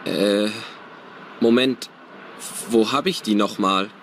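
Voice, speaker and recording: A man's voice: on the low side, takes it slowly. A man acting a flustered, forgetful train passenger in a scripted language-exam dialogue. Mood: flustered, searching. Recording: clearly noisy train-like ambience.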